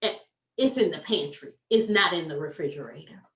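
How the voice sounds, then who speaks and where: Animated woman coach in an echoey room. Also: low voice, fairly quick, recorded from a distance. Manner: animated, talks to the audience as "y'all", folksy. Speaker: success coach. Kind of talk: motivational talk.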